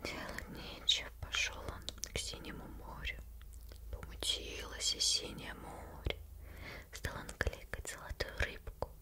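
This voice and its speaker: Whispering young woman reading a fairy tale. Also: measured pace. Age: young adult. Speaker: storyteller.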